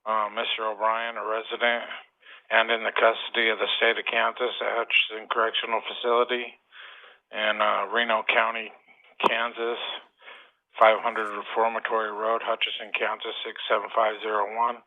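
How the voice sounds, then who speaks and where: A man calling in over a speakerphone line, reading a prepared formal statement as a claimant, with deliberate pacing and frequent "uh" pauses. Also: lowish voice, completely flat delivery, narrow, tinny audio. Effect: heard over a speakerphone line.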